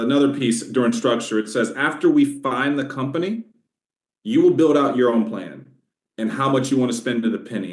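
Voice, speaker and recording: A man's voice: mid-range voice, reverberant. A man leading a casual sales training session, emphatic and coaching, checking in with his listeners often. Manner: coaching, emphatic, talks to trainees directly with frequent check-ins.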